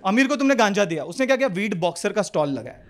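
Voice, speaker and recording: A young man with a Mumbai Hindi accent doing an animated stand-up set on a club stage, swinging his voice into quick street characters. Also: high-pitched, crowd noise. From India. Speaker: stand-up comedian. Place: comedy club stage with live audience. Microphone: handheld stage mic. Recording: live club recording with audience laughter.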